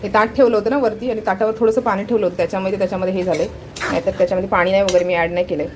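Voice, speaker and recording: A woman's voice: medium pitch, fairly even intonation, very fast, background noise. A woman with a Marathi accent narrating a casual home vlog from her kitchen, chatting to viewers as she points things out. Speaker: vlogger.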